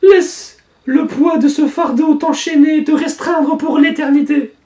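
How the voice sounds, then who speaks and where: Brief: lovestruck fairy woman, played by a man, high falsetto, set a little back from the mic with faint music. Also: fairly even intonation, a little slow, warm tone, echoey room, far from the mic. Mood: possessive.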